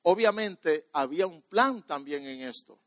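In a dry recording, an animated preacher with a slightly high voice shares a personal story at a measured pace. He keeps repeating and restarting words, and his volume moves between quiet and loud.

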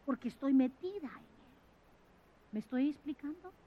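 A woman with a high voice preaches a sermon, swinging between loud, fervent bursts and hushed asides. The recording sounds dull and muffled. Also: moderate pace.

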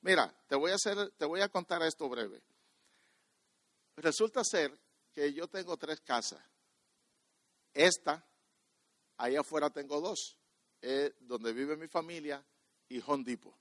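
A man preaching a sermon, telling a personal story, often repeating and restarting words and swinging between quiet and loud. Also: on the high side, measured pace, pauses often, no echo.

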